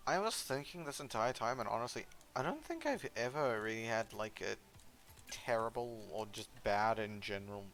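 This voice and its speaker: A man speaking quietly and reflectively in a casual podcast chat. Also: mid-range voice, expressive, normal speed, soft background music.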